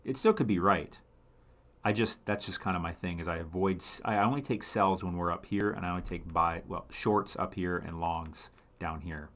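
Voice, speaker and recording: A man with a fairly low voice hosts a relaxed live stream and talks through charts as he goes. He rambles and thinks aloud, stops to correct himself, and answers viewer comments along the way. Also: moderate pace. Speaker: livestream host. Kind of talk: casual live chart analysis.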